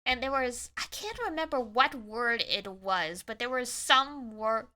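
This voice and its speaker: A woman's voice: fairly high pitch, expressive, a little slow, bright, forceful tone. A Canadian woman with a cute anime-girl voice, chatting casually and animatedly as she streams a video game. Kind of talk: casual livestream chat over a video game.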